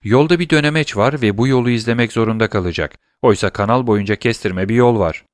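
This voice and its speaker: A man doing a hoarse scheming innkeeper's wife. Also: mid-range voice, fast talker, dry recording, clean studio sound, natural voice. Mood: goading. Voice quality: hoarse, trembling. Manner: coldly goading, menacing.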